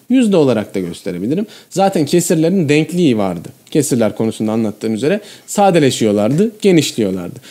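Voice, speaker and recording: A man's voice: a little high, warm tone. A man teaching a math lesson, explaining each step and often checking in with the viewer.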